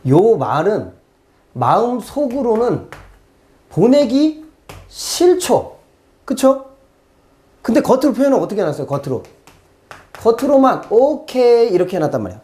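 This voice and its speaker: Exam-prep lecturer, mid pitch with a very lively melody, who dramatizes quotes and asks rhetorical questions. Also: normal speed, pauses often. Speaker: exam-prep literature teacher. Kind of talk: recorded classroom lecture.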